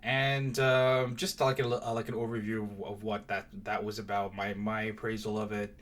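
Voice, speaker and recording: A man's voice: fairly low pitch, flat delivery, moderate pace, a bit bright. A young man from Mauritius giving a casual, hesitant channel introduction, full of fillers and restarts. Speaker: vlogger. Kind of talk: casual direct-to-camera intro.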